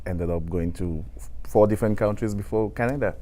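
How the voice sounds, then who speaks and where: Man from Cameroon, middle-aged, very low voice, measured and good-humoured, studio interview guest. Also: mellow. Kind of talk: interview answers.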